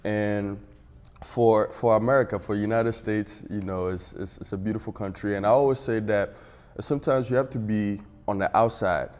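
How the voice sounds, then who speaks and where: A man's voice: on the low side, fairly even intonation, normal speed, darkish tone. A young man from Ghana, a cybersecurity engineer, talking earnestly in a casual interview with many restarts.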